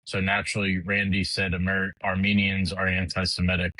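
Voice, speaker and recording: A man's voice: sits low, monotone, brisk, pushed and bright, no room sound, low-quality recording. A middle-aged man hosting a podcast, ranting casually in a blunt, heated, profane way with frequent restarts. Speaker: podcast host. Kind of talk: casual political rant.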